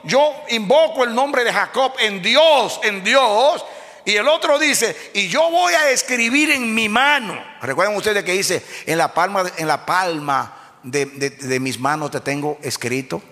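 High, bright-voiced male preacher in a reverberant hall. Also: animated, measured pace. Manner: impassioned, swings from low explaining to shouted peaks; addresses the congregation directly with questions. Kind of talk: sermon.

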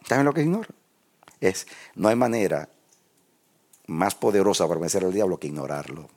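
A man preaching a sermon, telling stories in an animated way that swings from quiet asides to shouting before a congregation. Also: low-pitched, moderate pace.

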